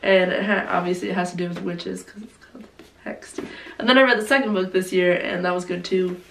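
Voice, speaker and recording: A woman's voice: fairly low pitch, fairly even intonation, quick pace, creaky, slight background noise. A woman of twenty-one with a stuffy, congested voice from a cold, chatting casually and ramblingly to camera about things she likes. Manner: rambling, informal, self-interrupting, frequent "like". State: sick with a cold. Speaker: book vlogger presenting favorite reads. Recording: echoey room, distant microphone.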